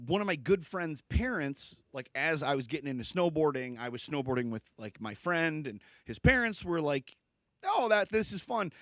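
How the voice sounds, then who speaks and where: A man's voice: a bit bright, dry recording. A man in his thirties from Michigan, co-hosting a podcast and telling rambling stories full of fillers. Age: 30s. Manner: rambling, filler-heavy storytelling, swinging pitch. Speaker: podcast co-host. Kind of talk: casual chat.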